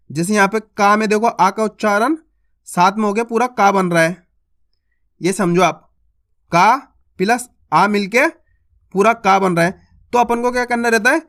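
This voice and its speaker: A man teaching reading, sounding out syllables slowly and asking and answering his own questions. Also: high voice, fairly bright tone. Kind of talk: teaching children to read.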